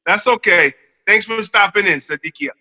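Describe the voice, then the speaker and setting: A man cohosting a casual podcast, with a very bright, sharp voice pitched fairly high. He talks in a laid-back way and swears freely. The sound is dull and lo-fi. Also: moderate pace. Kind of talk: casual chat.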